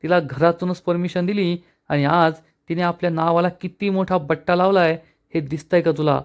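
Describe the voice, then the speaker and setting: A man's voice: a little high, fairly even intonation, normal speed, clear, resonant tone, dull audio, natural voice. A man voicing an angry middle-aged aunt who scolds harshly and accuses. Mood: angry, accusing.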